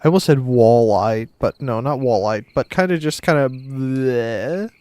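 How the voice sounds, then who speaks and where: A man's voice: mid-range voice, measured pace, a little mellow, no echo. A tired man rambling casually and self-deprecatingly to his live stream chat, a little under the weather. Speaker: game streamer.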